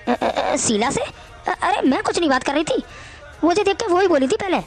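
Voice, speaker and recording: A woman's voice: extremely high pitch, expressive, moderate pace, soft background music. A woman voicing an outspoken young daughter-in-law who answers back in a cartoon story. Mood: defensive. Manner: pleading, then pert back-talk.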